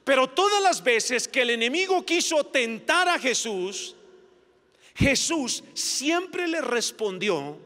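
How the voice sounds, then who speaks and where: A male pastor preaching a sermon with passion, his voice climbing to shouts at its peaks. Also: very high voice, very animated, slow. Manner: impassioned preaching, rising to shouts. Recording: reverberant hall.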